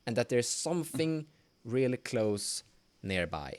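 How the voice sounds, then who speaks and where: A man narrating as game master of a tabletop horror game, in slow, halting speech with self-corrections. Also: mid-range voice, sing-song, smooth.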